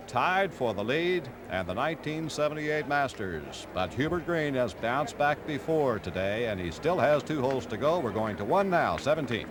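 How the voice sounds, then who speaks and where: A man giving golf commentary and recapping the standings on an older outdoor television broadcast. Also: medium pitch. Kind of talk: live golf tournament commentary, leaderboard recap. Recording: noisy 1970s outdoor TV broadcast.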